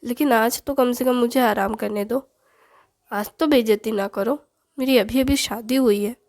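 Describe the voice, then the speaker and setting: A woman's voice: on the high side, moderate pace, darkish tone, close to an everyday voice. A woman voicing a newly married young man who complains and pleads with his mother. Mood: pleading.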